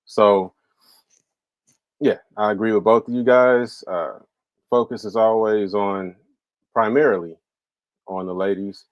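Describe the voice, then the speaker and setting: Male panelist, lowish voice, dry close sound, thoughtful and hesitant. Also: steady tone, a little slow, pauses often, dry recording, dull audio. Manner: agreeable, reflective, hesitant with fillers. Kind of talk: casual panel discussion.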